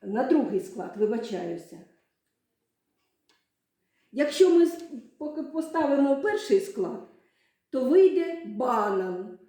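Lady teacher for small kids, mellow voice, super echoey room, drags out words slow. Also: high voice, big pitch swings. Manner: slow, patient, stretches out words to show syllables. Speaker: primary school teacher. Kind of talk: literacy lesson for young children.

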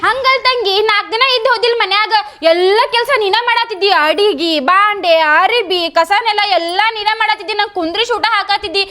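A woman's voice: very high-pitched, a little fast, few pauses, bright, forceful tone. A young woman, playing an emotional, pleading elder sister in a scripted comedy skit. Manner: emotional, pleading, then scheming.

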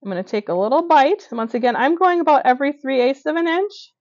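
A woman's high-pitched, expressive voice moves at a quick pace with a darkish tone as she demonstrates a beaded edging stitch step by step. She is a stitching instructor working indoors at a table, talking with fillers and small self-corrections in this hands-on craft demonstration. The audio is dull, without echo.

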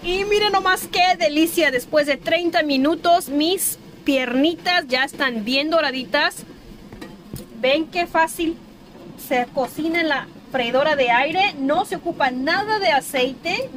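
High-voiced woman narrating a recipe. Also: animated, a little slow, a little hiss or hum. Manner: warm, homey, enthusiastic about the food. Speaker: cooking channel host. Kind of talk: voice-over cooking tutorial.

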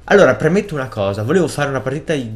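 A young man with a cold and sore throat, casually commenting on his own football video game match and bursting into shouts at goals. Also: medium pitch, expressive, rapid-fire, soft background music. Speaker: gaming video host.

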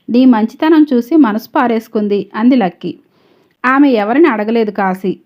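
Woman reading out a story episode, steady and measured, voice a bit high, muffled lo-fi sound. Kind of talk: serial story narration.

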